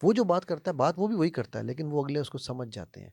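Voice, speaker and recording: A man's voice: fairly high pitch, sing-song, creaky, warm tone, husky, no room sound. A man giving an emphatic self-help talk on faith, often checking with "right?" and asking rhetorical questions, mixing English phrases into his speech. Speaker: motivational speaker.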